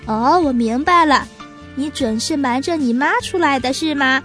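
A bustling, kindly magpie sister, always in a hurry yet caring, as a woman storyteller puts her on. She speaks a little lower than the narration, with soft music behind. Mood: teasing. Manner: warm, chiding, hurried. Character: kind busy female magpie, older sister type.

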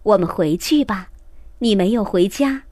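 Woman doing a gentle storybook mom. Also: medium pitch, lively intonation, moderate pace, no echo, voice pushed down, close to an everyday voice. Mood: soothing. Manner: soft, soothing. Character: gentle, comforting young mother.

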